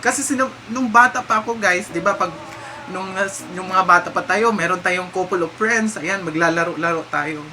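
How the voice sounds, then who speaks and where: A man's voice: high voice, normal speed, pushed and bright, a little hiss or hum. A man with a Visayan accent chatting casually through a vlog Q&A, giggly and slipping English phrases into his talk. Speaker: vlogger. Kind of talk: casual Q&A chat. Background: background music.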